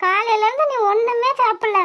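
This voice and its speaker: A sharp-tongued young village wife, voiced by a woman, nags and scolds in a very high, squeaky cartoon voice. She talks in quick, bossy jabs. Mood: coaxing. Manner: scolding, nagging.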